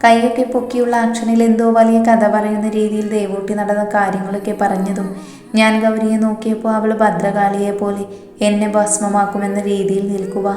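A woman reads a romantic story in an even, gentle first-person narration at a middle pitch. The recording is reverberant and roomy, with a long tail on her words and faint music underneath.

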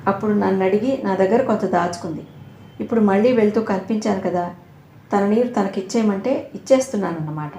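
A woman's voice: mid-range voice, a little fast, warm tone, slight background noise, close to an everyday voice. A woman voicing a loving, poor old grandmother who speaks in a soothing, tender way, in a roomy echoing recording. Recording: roomy echo.

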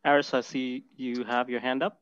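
A man in his forties leads an online panel discussion, chatty and lively as he tells a quick story. His voice sits in a middle register and sounds dry and close. The video call audio is a little dull and lo-fi. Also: medium pitch, dry recording. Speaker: moderator. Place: home room, video call.

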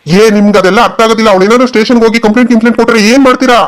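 A man's voice: very high-pitched, fairly even intonation, very fast. A man doing a nervous cartoon son-in-law. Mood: worried. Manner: uneasy, nervous. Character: timid worried son-in-law.

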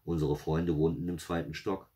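A man's voice: extremely low pitch, little pitch movement, moderate pace, warm tone. A man reading his own first-person story aloud in a dry, wry manner.

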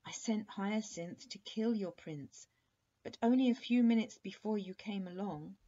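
A woman's voice: mid-range voice, a little slow, warm tone, pitched above the performer's own voice, lightly acted. A woman voicing a witch's young daughter in a bedtime storybook, slightly raised, on a dull lo-fi recording. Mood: fretful. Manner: lightly raised, dropping to a whisper at times.

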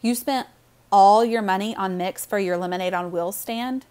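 A woman voicing a stubborn, hurt young girl in a storybook reading, shrill and demanding. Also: moderate pace, a little mellow, clear, resonant tone, close to an everyday voice.

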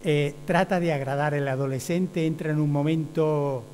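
A man gives a lecture to teachers, explaining his points step by step. He keeps asking his listeners whether they follow, and he acts out short quoted voices. His slightly high voice rings through a big hall with long reverb over a faint electrical hum. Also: fairly even intonation, moderate pace, a little mellow. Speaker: teacher trainer.

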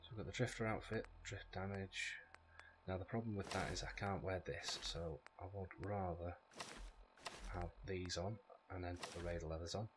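A man with a low voice talks through a video game in a casual, unpolished way, swearing freely and thinking aloud. Clear noise and clicking sit behind his voice. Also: fairly even intonation, moderate pace. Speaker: gaming video host. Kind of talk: casual gameplay commentary. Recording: clearly noisy background with clicks.

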